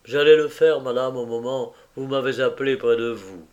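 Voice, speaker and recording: A man's voice: medium pitch, steady tone, normal speed, a little mellow, muffled recording, close to an everyday voice. A man reading aloud as a solemn, respectful male secretary who speaks with reluctant gravity. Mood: earnest. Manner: hesitant, solemn.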